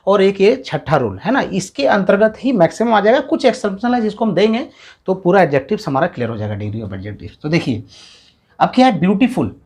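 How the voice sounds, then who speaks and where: A man gives a step-by-step video grammar lesson. His pitch swings widely as he talks, and he drags out syllables to sound them out. He often checks in with his listeners. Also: big pitch swings, fairly quick, a little mellow, husky. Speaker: English grammar teacher. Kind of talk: classroom-style video lesson.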